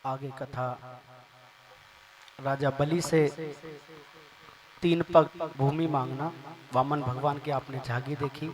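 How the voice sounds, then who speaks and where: A man's voice: mid-range voice, flat delivery, takes it slowly, long pauses, rough recording. A man narrating a devotional story as a religious storyteller, talking emphatically and urging his listeners on. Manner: emphatic, exhorting the audience. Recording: live event with audience noise. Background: crowd.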